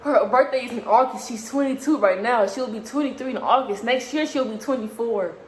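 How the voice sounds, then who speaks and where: A woman's voice: on the high side, a little fast. A woman in her early twenties co-hosting a casual vlog, arguing her point earnestly with many stumbling restarts. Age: early 20s. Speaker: vlog co-host. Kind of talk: casual argument on camera. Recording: echoey room with faint hiss.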